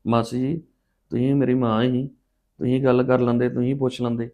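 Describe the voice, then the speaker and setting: A man's voice: medium pitch, level tone, brisk, dull audio. A man acting as a young father in a scripted family drama, defensive and hot-tempered, pleading with his aunt.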